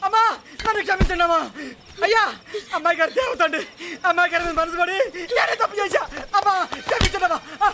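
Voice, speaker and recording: A man's voice: extremely high pitch, lively intonation, a little fast, very noisy. An actor playing a panicky male household driver who wails, stammers and pleads, in a comic film scene. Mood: groveling. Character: panicky male servant driver, wailing and groveling.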